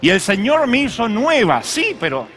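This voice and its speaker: A man's voice: very high-pitched, normal speed, soft background music. A man preaching a humorous sermon as a pastor, telling stories and acting out voices. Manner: animated storytelling with acted voices and jokes.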